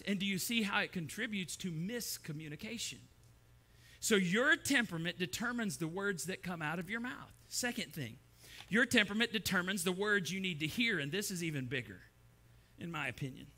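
In a church sanctuary, a middle-aged pastor preaches a sermon at normal speed, his high voice animated, bright and forceful. He tells stories and acts out the voices of the people in his anecdotes.

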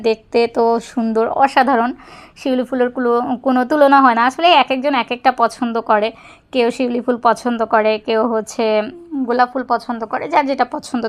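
A young woman vlogging in a casual, rambling way while walking outdoors, talking into a handheld phone. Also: a little high. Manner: chatty, rambling, fond of filler phrases. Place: outdoors on a neighborhood walk.

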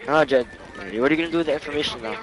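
A man's voice: a little high, racing, crowd noise, poor audio. A man chatting casually with his gaming squad over voice chat, firing off questions and complaints.

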